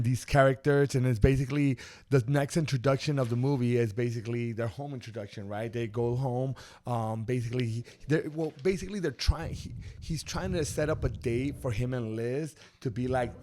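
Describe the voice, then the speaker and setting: A man's voice: mid-range voice, moderate pace, darkish tone. A man co-hosting a horror movie podcast, talking in a rambling way with many fillers and restarts. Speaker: podcast co-host. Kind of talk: casual chat.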